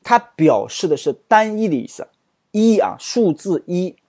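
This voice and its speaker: A man's voice: sits high, big pitch swings, unhurried, darkish tone, breathy edge, no room sound. A man teaching English vocabulary, explaining word roots, spelling words out letter by letter and firing off rhetorical questions. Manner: asks many rhetorical questions.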